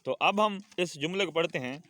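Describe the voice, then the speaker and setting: A man's voice: on the high side, normal speed, pushed and bright, dry recording. A man with a Pakistani Urdu accent teaching a children's Urdu lesson, patiently repeating words and sentences for his pupils to say back. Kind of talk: classroom lesson with call-and-response drills.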